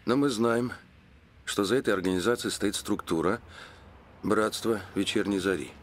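Actor as grave, low-voiced police official. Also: male voice, normal speed, close to an everyday voice. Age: 40s. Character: grave, earnest middle-aged police official briefing superiors. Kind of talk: film drama, formal briefing. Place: indoor office.

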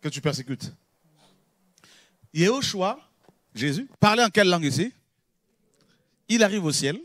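A man preaching in French, a pastor teaching who repeats key words and swings from loud exclamations to low murmurs. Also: big pitch swings, unhurried, no room sound. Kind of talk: sermon teaching.

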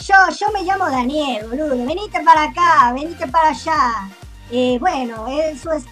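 A woman doing a playful caricature of a young Argentine man, all slang and stretched syllables. The voice sits high and bright in a mock accent, over faint music. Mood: teasing. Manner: exaggerated drawn-out imitation.

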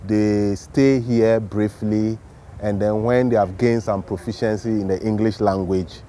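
A man's voice: fairly low pitch, fairly even intonation, measured pace, warm tone, slight background noise. A man speaking formally and with measure in a documentary interview about foreign residents using a facility.

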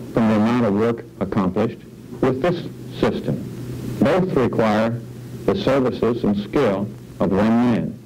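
A middle-aged man presenting an educational film on farm management, explaining in a measured way and posing questions, seated in an office. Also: medium pitch, a little mellow, a little hiss or hum, poor audio. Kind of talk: scripted educational narration.

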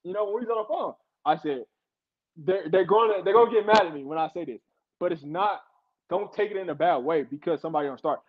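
A man's voice: high voice, quick pace, lo-fi sound. A man giving football analysis as a guest on a sports talk show, explaining insistently and repeating himself to drive his point home.

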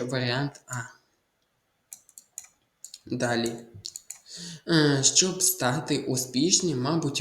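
Male language tutor, mid pitch, methodical explainer, echoey room. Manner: methodical, repeats key answers. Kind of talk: exam walkthrough lesson.

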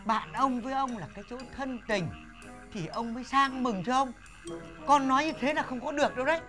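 An actor in his forties playing a proud, hot-tempered village husband and new father in a folk comedy film, blustering and shouting when jealous. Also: very high voice, a little fast, soft background music. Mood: scolding. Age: 40s. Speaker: father of a newborn son.

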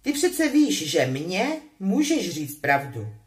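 A woman's voice: fairly low pitch, big pitch swings. A woman voicing a sulky, sarcastic teenage boy wizard in a storybook reading, with a forced, mocking tone.

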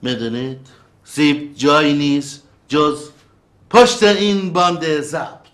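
An actor plays a clownish sitcom magician, fairly high-voiced, hamming up his patter like a kids' show. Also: fairly bright tone, close to an everyday voice. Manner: clownish, playful showman talk. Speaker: sitcom character, amateur magician. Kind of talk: sitcom acting.

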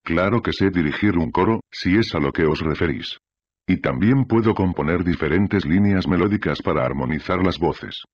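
A man's voice: low voice, moderate pace, no echo, dull audio. A man voicing an earnest young musician in an audiobook reading.

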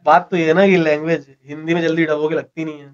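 A young man with a slightly high voice, trading jokes and opinions in casual chat. He sits at a desk mic in a small room, and the recording sounds a little dull and muffled. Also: little pitch movement, fast. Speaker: reaction video co-host.

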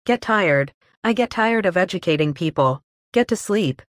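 Lady reading vocab phrases one by one, slow and even, dry close sound. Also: on the low side, no room sound. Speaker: English teacher. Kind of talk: reading vocabulary list with example sentences.

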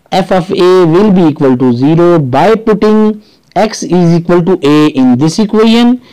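A man with a Pakistani accent narrating a scripted maths lesson as a teacher, explaining deliberately step by step. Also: sits high, mellow, rough recording. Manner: deliberate step-by-step explaining, switching between English and Urdu.

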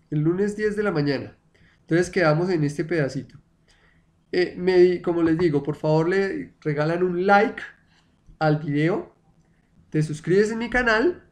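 A male English teacher whose first language is Spanish talks through an online lesson. His voice sits slightly high and his delivery is slow and deliberate. He repeats words again and again so learners can drill them.

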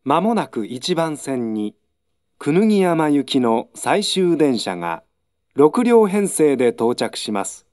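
Lively-pitched male train station announcer. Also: dry recording, clean studio sound. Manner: formal, clearly measured set phrases. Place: station platform public address system.

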